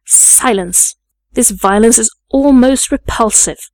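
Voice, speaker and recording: A woman's voice: fairly high pitch, takes it slowly, darkish tone, no echo. A woman reader puts on an imperious, cold-hearted lady of the house. She gives orders in stiff, formal, scolding phrases. The recording is dry and close. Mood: disgusted.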